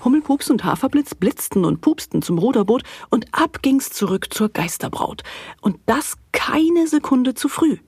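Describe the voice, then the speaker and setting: Kids' audio story narrator: woman, husky voice, very lively delivery, dry close sound. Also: sits high, moderate pace, dry recording. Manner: playful, animated storyteller. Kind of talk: expressive children's story narration.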